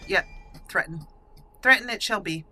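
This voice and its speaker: A let's play host gives casual video game commentary, musing and thinking aloud about her choices. Her mid-range voice moves at a normal speed and sounds pushed and bright, with soft music in the background.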